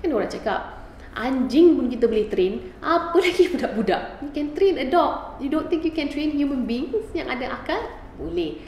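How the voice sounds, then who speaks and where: A woman in her thirties hosts a live parenting Q&A, driving her points home with emphasis and repeating them. Her voice sits a little high, and the room gives it a noticeable echo over a faint hum of background noise. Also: animated, moderate pace, a little mellow. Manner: emphatic, mixes Malay and English, repeats key points. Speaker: host giving parenting advice. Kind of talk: live Q&A advice talk.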